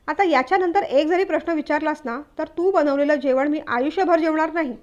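A woman reading the part of a young newlywed husband who is short-tempered but caring, snapping when irritated and going soft when he apologizes. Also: high voice, animated, a little fast, lo-fi sound.

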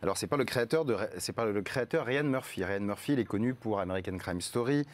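A low-pitched man talks through the month's top-rated series in a relaxed studio discussion. He explains at length, pausing often on fillers as he cites figures and reviews. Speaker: guest series columnist. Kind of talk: casual studio chat.

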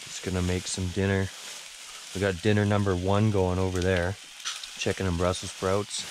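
Man, low voice, casual camp chat, cooking, noisy background. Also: level tone, moderate pace. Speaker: outdoor vlogger. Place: heated tent on a frozen lake, then truck cab.

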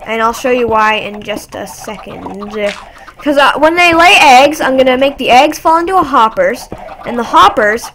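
A woman's voice: sits high, expressive, normal speed, fairly bright tone, slight background noise. A woman casually commentating her own gameplay, talking to the game and jumping to sudden squeals of surprise. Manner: chatty, talks to the game and apologizes to it. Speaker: gaming channel host.

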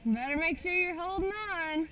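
A woman working as a rafting guide, calling out loud paddle commands and safety instructions to her group outdoors. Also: very high voice, lively intonation, moderate pace. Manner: loud, directive calls to a group. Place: outdoors on a raft on a river. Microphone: action camera on the raft. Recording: noisy outdoor river action-camera audio.

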